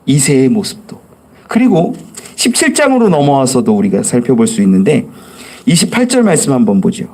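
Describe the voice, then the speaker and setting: Animated male pastor preaching. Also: medium pitch, brisk. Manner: animated preaching, asks the congregation questions and acts out quotes. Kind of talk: sermon at a Wednesday church service.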